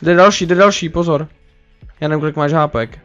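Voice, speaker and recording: A man's voice: fairly high pitch, soft background music. Young man gaming on a dull lo-fi mic. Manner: relaxed, calls out tactics, says dude a lot. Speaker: gamer. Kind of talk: casual gaming chat.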